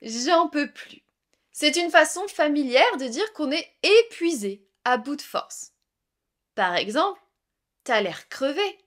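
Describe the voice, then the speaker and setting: A woman teaching everyday expressions, saying each phrase slowly and clearly and repeating it in short example dialogues. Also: sits high, big pitch swings, fairly bright tone. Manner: slow careful model pronunciation, repeating each phrase. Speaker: French teacher. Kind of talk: language lesson with spoken example dialogues.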